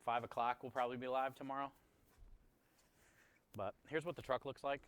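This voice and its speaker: Talking with livestream viewers in a friendly, conversational way, this food truck chef and host sounds appreciative. His mid-range voice moves little in pitch, keeps a moderate pace, and comes across clean and a bit bright.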